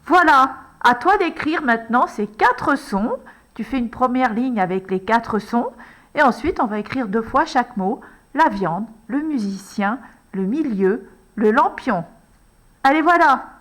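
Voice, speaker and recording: A woman teaching a handwriting lesson to young children, slowly spelling out each word letter by letter as she writes. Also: a little high, expressive, fairly bright tone. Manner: slow, deliberate, spells out letter by letter. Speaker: primary school teacher.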